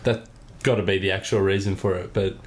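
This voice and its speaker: A man's voice: deep voice, steady tone, fairly quick. A man co-hosting a podcast in loose casual chat, swearing freely and laughing often. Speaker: podcast co-host.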